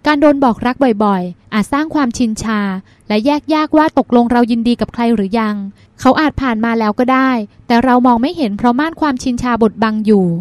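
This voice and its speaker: A woman's voice: fairly high pitch, fairly quick, hardly any pauses, dry recording, close to an everyday voice. A woman reading the lines of a dreamy, chatty young woman who plays the younger sister. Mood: playful. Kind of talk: audiobook character reading.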